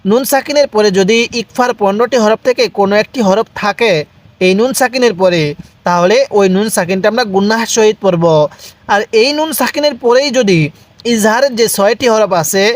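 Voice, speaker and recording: A man teaching Quran recitation step by step, spelling out letters and vowel marks, then reciting slowly and asking viewers to repeat after him. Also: high-pitched. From Bangladesh. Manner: asks viewers questions, then answers them himself.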